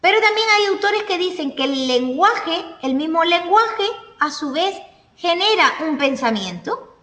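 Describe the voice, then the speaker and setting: A woman's voice: extremely high pitch, sing-song, a little slow, sharp tone. A woman teaching a class, explaining step by step with examples and checking that her listeners follow. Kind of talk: classroom lecture. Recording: echoey room, voice from a distance.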